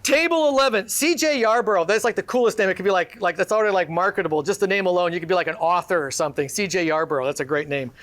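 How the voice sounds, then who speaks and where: A man emceeing a live event, introducing student products one after another in an upbeat pitchman style with joking asides to the audience. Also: racing, few pauses, a bit bright, a little hiss or hum.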